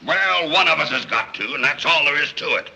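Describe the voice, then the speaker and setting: A man's voice: a little high, animated, brisk, creaky, pushed and bright, heavily acted, rough recording. An actor playing a blustering, sardonic middle-aged wealthy father, exasperated with his family, in 1930s screwball comedy banter.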